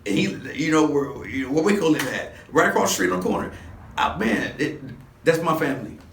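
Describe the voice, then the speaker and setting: With big pitch swings and a voice on the high side, a Los Angeles man in his sixties talks a little fast while reminiscing in an interview. He rambles in street slang with many restarts, and the distant mic catches an echoey room and background noise.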